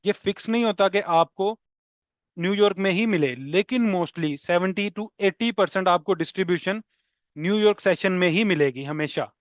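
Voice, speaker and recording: Fairly high-voiced trading tutor. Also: male voice, normal speed, no room sound. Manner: explanatory, repeats key points, mixes English terms, checks in with "theek hai". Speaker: trading instructor. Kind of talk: explaining charts in a lesson. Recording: dull dry close recording.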